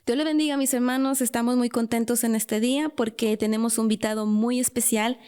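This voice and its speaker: A woman's voice: fairly high pitch, steady tone, brisk, a little mellow, clean tone. A woman hosting a church radio interview, devout and often breaking in with praise and amens as she asks her questions. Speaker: radio show host.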